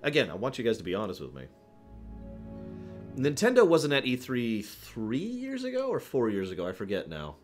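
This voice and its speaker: With soft background music, a male livestream host talks at a moderate pace in a mid-range voice full of huge pitch swings. He's casual and opinionated with his audience, speaking emphatically and conversationally while pausing to respond to chat.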